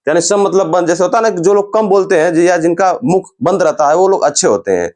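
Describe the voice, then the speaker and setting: Male grammar teacher, lively pitch, slightly high voice, patient and repetitive. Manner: explains slowly, repeats sounds and terms, often says "dekhiye". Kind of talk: classroom-style lecture.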